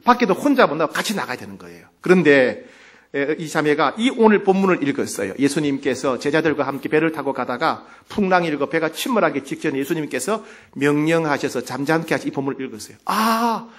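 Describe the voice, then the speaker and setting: A male pastor delivering a sermon who moves between loud exclamations and quiet, earnest asides, acting out dialogue as he retells scripture. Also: on the high side, animated, fast talker.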